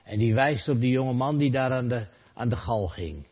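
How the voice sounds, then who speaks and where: A man preaching a sermon, asking rhetorical questions and answering them, rising loud and then dropping soft. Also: mid-range voice, moderate pace, husky. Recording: dull lo-fi sound.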